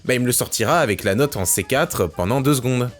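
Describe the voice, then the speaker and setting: A man's voice: medium pitch, lively intonation, fast, faint music behind. A man hosting an online explainer video, talking casually and directly to viewers with slangy asides. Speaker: YouTube host.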